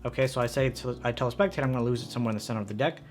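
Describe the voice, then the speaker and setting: A man's voice: mid-range voice, racing. Man, card magician patter, casual and upbeat, tutorial host, direct to viewer, music behind.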